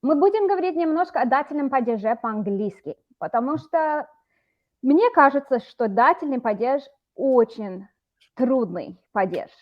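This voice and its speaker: Higher-voiced woman teaching a lesson. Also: expressive, dull audio. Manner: patient, slows down to explain words. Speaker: Russian teacher. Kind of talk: online language lesson.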